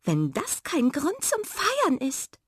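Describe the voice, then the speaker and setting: A woman voicing a bossy, practical female wood mouse who speaks in a brisk, high voice. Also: wildly swooping pitch, no room sound, studio quality, full character voice.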